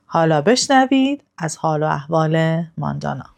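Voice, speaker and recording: A woman narrating a serialized historical story, reading calmly and evenly with clear expression. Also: low-pitched.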